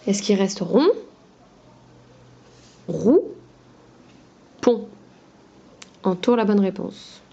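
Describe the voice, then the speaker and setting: A woman teacher talking slowly and patiently to young children, spelling out each word syllable by syllable. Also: medium pitch, animated, creaky, dark tone, husky, muffled recording.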